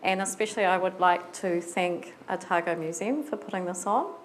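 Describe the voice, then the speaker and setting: A woman's voice: fairly low pitch, normal speed, slight background noise, poor audio. A woman moderating a live science panel, wrapping up and thanking the audience. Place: museum event hall with audience.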